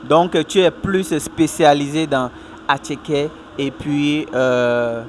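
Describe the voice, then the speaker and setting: A higher-pitched man hosts a casual street interview at an outdoor food stall. He sounds upbeat and lively, laughing easily between questions. Faint city noise sits behind him. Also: slow pace. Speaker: interviewer and show host.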